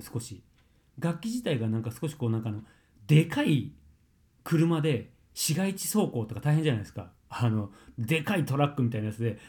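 A man's voice: medium pitch, dark tone. A man working as a vocal coach, answering a listener's question in a casual lesson and explaining with everyday comparisons.

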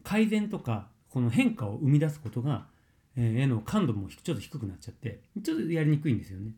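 Lively, chatty male voice coach. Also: medium pitch, fast. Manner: lively, chatty, with many fillers and self-corrections. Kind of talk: casual spoken lesson.

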